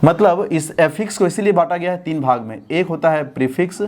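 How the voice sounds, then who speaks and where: A man teaching a basic English grammar class. He asks the class questions and then answers them himself, and he slows right down to dictate when he spells words out. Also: on the high side, expressive, darkish tone. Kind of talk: classroom-style lesson explanation.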